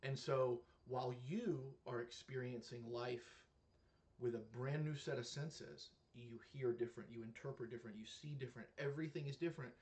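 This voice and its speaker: A man's voice: mid-range voice, normal speed, darkish tone. A man in his thirties or forties giving an earnest, casual reaction commentary to camera, with many fillers and restarts. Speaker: reaction video creator.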